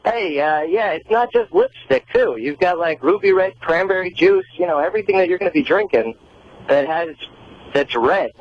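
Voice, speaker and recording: A man's voice: high voice, lively intonation, normal speed. A man phoning in to a radio show, talking casually. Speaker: phone-in caller to a radio show. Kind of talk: casual call-in chat. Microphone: phone. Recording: slightly noisy phone line.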